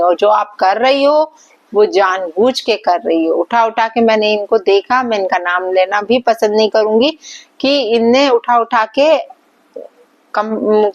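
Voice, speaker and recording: A woman vlogger earnestly scolding other reaction channels, in a preachy, lecturing manner. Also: medium pitch. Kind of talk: reaction vlog monologue. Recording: dull lo-fi sound.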